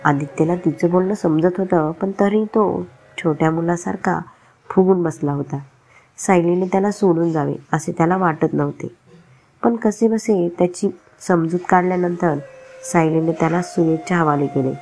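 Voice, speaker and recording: A woman narrating a family story calmly and steadily. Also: fairly low pitch, moderate pace, rough recording.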